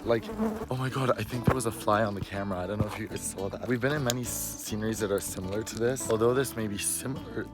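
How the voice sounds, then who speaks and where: Hoarse, low-voiced man vlogging over music. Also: racing, few pauses. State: hoarse, worn voice. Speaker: travel vlog host. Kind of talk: casual vlog chat. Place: outdoors on a rocky hillside trail.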